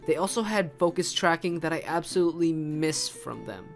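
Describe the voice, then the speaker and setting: A man's voice: a little high, expressive, normal speed, gravelly, faint music behind. A man with a cold, sounding muffled, hollow and stuffed up in the nose, narrating a casual, conversational video review. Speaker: host, camera reviewer.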